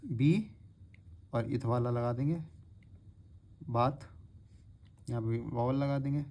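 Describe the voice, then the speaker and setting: A man teaching shorthand step by step, slowly drawing out words to show their sounds. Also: medium pitch, darkish tone. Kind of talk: step-by-step lesson.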